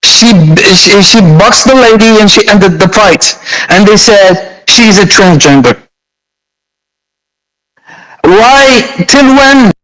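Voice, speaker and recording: A man from Algeria calling in, speaking earnestly and halting, growing heated. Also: sits high, animated, fairly bright tone, low-quality recording. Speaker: caller.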